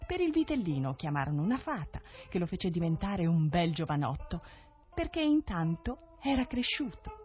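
A woman narrating a fairy tale in an expressive, lilting storytelling style, on a 1970s radio recording. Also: on the low side, normal speed, soft background music. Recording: dull dry 1970s radio studio recording.

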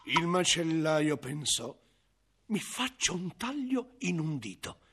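A man's voice: fairly high pitch, very animated, slow pace, fairly bright tone, husky, faint music behind. A man narrating a 1970s radio comedy as a crafty butcher, theatrical and ironic. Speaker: narrator and first-person butcher.

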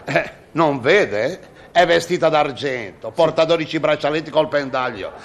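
A man's voice: a little high, animated, a little slow. A man playing a wry, mock-innocent cameraman in an old radio comedy sketch, slipping in laughing asides.

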